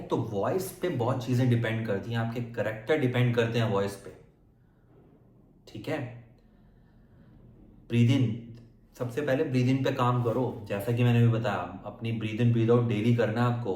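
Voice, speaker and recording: A man's voice: lowish voice, darkish tone. A male acting coach giving a casual motivational lesson, talking directly to viewers and often checking that they are following. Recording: echoey room.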